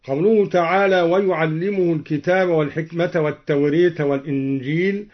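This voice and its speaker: Brief: slightly high male voice teaching recitation, alternates plain explanation with slow chant, muffled lo-fi recording. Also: steady tone.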